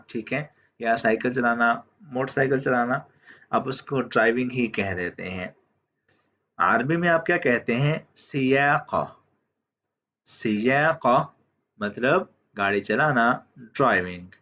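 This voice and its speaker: A man gives a calm, unhurried vocabulary lesson at a mid pitch. He says each new word twice and pauses to check in with the listener. His voice-over sounds a little dull and lo-fi. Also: slight background noise. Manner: repeats each word slowly, often says "theek hai". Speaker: language teacher. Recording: dull lo-fi audio.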